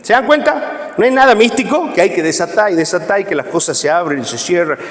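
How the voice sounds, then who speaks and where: A man's voice: high voice, animated, brisk. A man preaching a Bible lesson, reading verses aloud and emphatically asking the congregation questions. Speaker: pastor teaching a Bible class. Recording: echoey church hall with long reverb.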